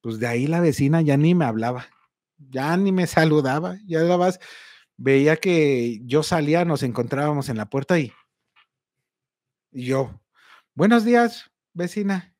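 A man's voice: a little high, moderate pace, pauses often, a little mellow, dry recording, clean studio sound. A young Mexican man hosting a podcast, telling a story casually, swearing freely and acting out angry phone rants. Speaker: podcast host.

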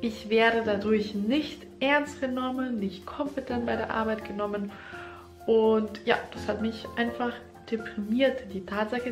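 A slightly high female voice with a roomy sound belongs to a young woman, a non-native German speaker who earnestly recounts her experience as a German teacher. She speaks with her hands and her phrasing is a little non-native. It's a casual talk to a camera placed in front of her, head-and-shoulders, in a small room indoors.

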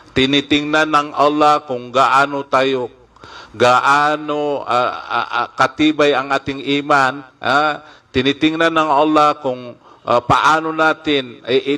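A man's voice: mid-range voice, sharp tone. A male preacher giving a live Islamic lecture, reciting Arabic hadith and verses and explaining them at length, often asking the audience "ha?" and mixing in Maguindanaon words. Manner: frequent "ha?" checks to the audience, many fillers and restarts.

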